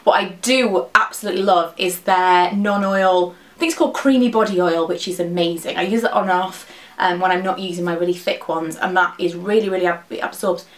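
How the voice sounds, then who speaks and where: A woman, talking very fast in a casual, rambling product review to camera. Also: on the low side, steady tone. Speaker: beauty vlogger. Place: small dressing room at home, indoors.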